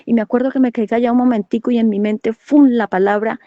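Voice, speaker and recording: A woman's voice: a little high, fairly even intonation, fast, no echo. A woman preacher, giving an earnest testimony sermon and calling her listeners brothers. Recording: dull lo-fi recording.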